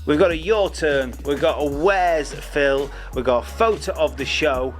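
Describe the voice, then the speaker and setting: A man hosts an upbeat railway news roundup in a chatty, jokey style, now and then stumbling over names. His voice is fairly high and unhurried, with faint music in the background.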